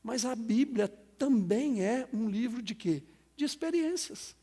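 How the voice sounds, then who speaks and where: Brief: middle-aged Brazilian pastor, high husky voice, lively sermon in a reverberant hall. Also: male voice, unhurried. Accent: Brazilian Portuguese. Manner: animated preaching with quoted dialogue and call-and-response. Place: church hall.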